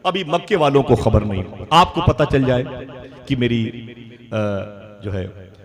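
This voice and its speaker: A man's voice: medium pitch, very animated, a little slow. A man, preaching an emotional religious sermon at a gathering and putting questions to his listeners. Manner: swings from loud exclamations to hushed storytelling; asks the audience questions. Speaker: Islamic preacher. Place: outdoor public religious gathering. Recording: crowd noise from a public gathering. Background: crowd audible.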